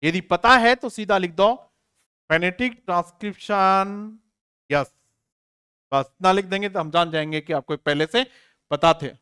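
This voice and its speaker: A man's voice: high-pitched, measured pace, pauses often, pushed and bright, smooth. A male teacher giving an online exam-prep grammar lesson. He asks students questions and answers them himself, repeats key words, spells them out letter by letter and urges the class on in a friendly, informal way.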